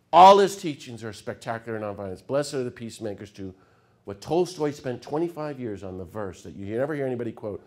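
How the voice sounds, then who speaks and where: A middle-aged man giving a public lecture, telling stories with sudden swings from hushed asides to loud, fired-up passages. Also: mid-range voice. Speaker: speaker.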